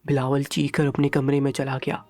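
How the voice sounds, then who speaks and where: A man's voice: medium pitch, completely flat delivery, a little mellow. Emotive male story narrator.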